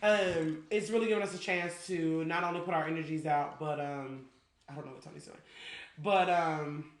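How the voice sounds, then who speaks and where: A woman's voice: low voice, steady tone, normal speed, roomy sound. A woman co-hosting a podcast in loose casual chat, drifting from one thought to the next. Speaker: podcast co-host.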